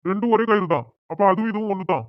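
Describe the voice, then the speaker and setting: A stern, wounded village father in a cartoon drama, played by a man. He speaks high and quick with a reproachful edge. The sound is tinny and phone-like. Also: no echo, lightly acted. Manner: reproachful and sarcastic.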